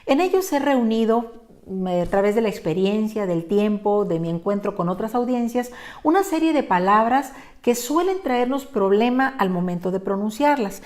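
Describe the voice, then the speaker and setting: A woman teacher giving a patient, clearly explained online lesson and speaking directly to the viewer. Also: mid-range voice, animated, normal speed, a little mellow. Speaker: Spanish teacher. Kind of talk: online lesson on pronunciation and spelling.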